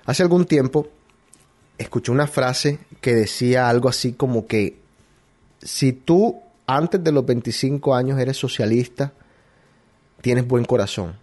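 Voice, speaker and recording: Brief: man from Colombia hosting a talk show, mid-pitched, rambling opinion monologue with hesitant restarts. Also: measured pace, a little mellow. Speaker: radio show host.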